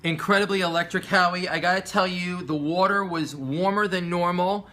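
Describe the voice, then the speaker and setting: A man with a forceful, bright voice on the high side. He chats casually and sounds effusive and enthusiastic. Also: steady tone, moderate pace. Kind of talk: casual chat.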